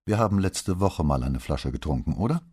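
A sharp-tongued middle-aged wife, scolding and exasperated, as a deep-voiced male narrator puts her on. She is pitched well above his own low, husky register and swings widely in pitch. A storybook character voice from a read-aloud novel. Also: expressive, brisk, exaggerated voice. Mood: brisk. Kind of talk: audiobook character voice.

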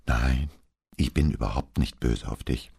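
A man voicing a weary middle-aged commissioner, soft-spoken and gentle. The voice sits extremely low, dark and a little husky. It is a storybook reading. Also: unhurried, heavily acted.

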